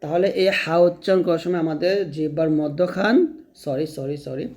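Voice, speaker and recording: A man teaching pronunciation as a patient teacher. He repeats each sound slowly so his learners can follow. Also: a little high, darkish tone. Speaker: Quran recitation teacher. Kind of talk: step-by-step pronunciation lesson.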